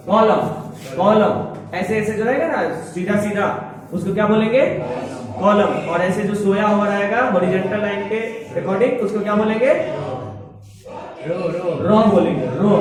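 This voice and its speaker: High-voiced man teaching in an echoey classroom. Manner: repeats questions and answers to drill terms. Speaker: math teacher. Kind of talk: classroom lecture. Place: classroom with students. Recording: far-off echoey classroom with students.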